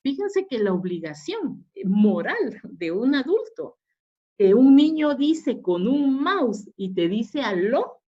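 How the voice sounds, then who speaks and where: A woman's voice: high voice, sing-song, slow. A woman psychologist giving a webinar lecture, explaining patiently with fillers and restarts. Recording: dull lo-fi webinar audio.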